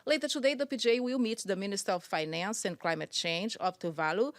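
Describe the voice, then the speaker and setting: Woman spokesperson at a press briefing, kinda low voice, lots of uhs and ums, dry close sound. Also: no echo. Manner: hesitant with many fillers, polite. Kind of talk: press briefing, answering questions.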